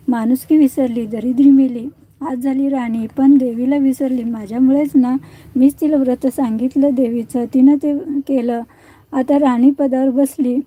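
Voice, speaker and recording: A woman voicing an angry old beggar woman who is a goddess in disguise, in a storybook tale, speaking slowly and scoldingly. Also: high voice, dark tone, low-quality recording.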